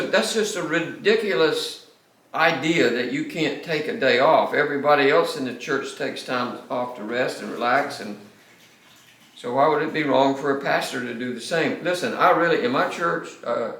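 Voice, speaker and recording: A man's voice: mid-range voice, fairly bright tone, far from the mic. An older man, a pastor giving a classroom lecture with anecdotes, emphatic and often restarting his words. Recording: echoey classroom.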